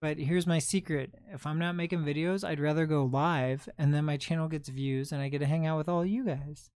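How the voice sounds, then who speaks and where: A man's voice: a little high, fairly even intonation, fairly quick, darkish tone, clear, resonant tone, no room sound, clean studio sound. A man in his twenties hosting a casual livestream, chatting and answering viewer comments as they come in. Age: 20s. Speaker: livestream host and reseller.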